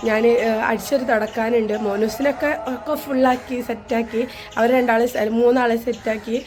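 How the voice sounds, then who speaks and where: A woman's voice: fairly high pitch, steady tone, moderate pace, music in the background. A young woman, chatting casually to her viewers in a family vlog. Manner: chatty, rambling, addresses viewers as guys. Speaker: vlogger.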